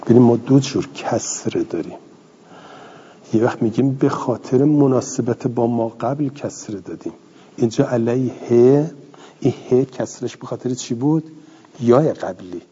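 A man's voice: medium pitch, dark tone, husky. A man teaching a grammar lesson, reading a text aloud and explaining it with questions he answers himself. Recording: dull lo-fi recording with long reverb.

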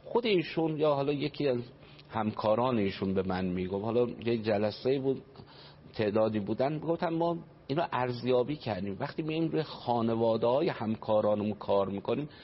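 A man's voice: medium pitch, animated. Man, earnest radio speaker on family and faith, explanatory, dull broadcast sound with faint hiss. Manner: earnest, explanatory, quotes traditions. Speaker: family counselor. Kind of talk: religious family talk on radio.

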